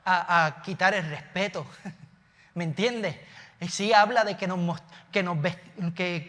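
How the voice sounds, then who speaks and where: Speaking from a church stage with a long hall reverb echoing after him, a Puerto Rican pastor delivers a sermon in his native Puerto Rican Spanish accent. His voice is high, bright and forceful. He alternates earnest points with offhand asides and corrects himself quickly.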